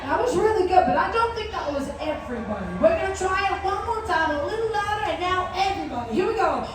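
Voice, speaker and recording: A very high-pitched female voice rings through a heavily echoing theatre. She hosts a children's story time on stage, animatedly addressing the young audience with prompts and questions. The recording sounds distant, with faint noise. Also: expressive, quick pace, a crowd in the background. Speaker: cruise director hosting a story time. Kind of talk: interactive children's stage hosting. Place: indoor theatre on a cruise ship.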